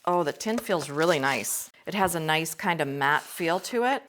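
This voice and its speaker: A woman's voice: low-pitched, expressive, moderate pace, fairly bright tone, a little hiss or hum. Gushing woman art vlogger. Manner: enthusiastic, gushing exclamations. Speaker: art channel host; art teacher. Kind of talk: casual swatching review vlog.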